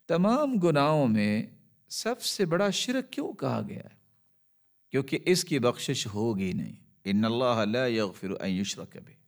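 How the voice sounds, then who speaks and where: A man giving a religious lesson, reciting Arabic passages quickly and then explaining them slowly. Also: medium pitch. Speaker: religious teacher.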